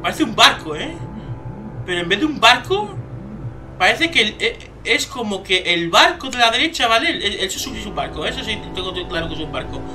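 A young man with a Spain Spanish accent doing excitable let's play commentary, swearing and shouting when startled. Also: sits high, a little fast, over music. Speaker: gaming youtuber.

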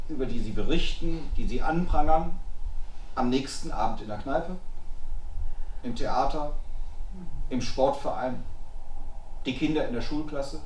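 A man in his forties with a Cologne accent talks to a small audience in an animated, emphatic, explanatory way. His voice sits at a medium pitch and is picked up from a distance, so the small room sounds roomy, with faint background noise. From Germany. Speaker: guest speaker, journalism researcher. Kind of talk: discussion talk before a small audience. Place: small salon room, indoors.

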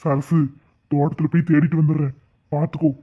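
A man voicing a stern, bossy middle-aged village father in a cartoon, speaking gruffly. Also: fairly high pitch, level tone, a little fast, mellow. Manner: gruff, ordering. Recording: tinny phone-like sound.

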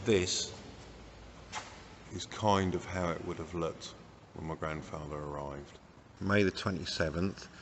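A man's voice: sits low, a bit bright. An older man narrating his vanlife travels in a chatty way, with dry self-mocking humour. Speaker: vanlife vlogger. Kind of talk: casual travel vlog narration. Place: campervan and roadside spots outdoors. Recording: noisy outdoor vehicle recording.

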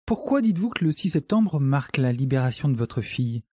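A woman's voice: very deep voice, very animated, a little fast, dark tone, husky, no echo, studio quality, exaggerated voice. A man voicing a young female journalist who asks probing questions. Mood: questioning. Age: young adult. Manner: inquisitive questioning.

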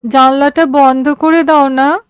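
A woman voicing a sweet, playful, feverish seventeen-year-old girl in a high, childlike, drawn-out voice. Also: fairly even intonation, no echo, clean studio sound.

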